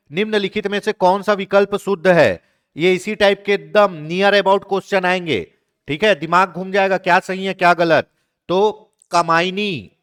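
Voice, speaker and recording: A male teacher giving an exam-prep grammar lesson, asking the class questions, answering them himself and repeating key words slowly. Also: sits high, a bit bright, clear, resonant tone.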